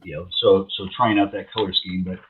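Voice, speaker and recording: A man chatting casually in a laid-back stoner way, halting and searching for words. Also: low voice, little pitch movement, slight background noise. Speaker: logo artist and co-host. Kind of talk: casual chat. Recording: dull, lo-fi, muffled sound.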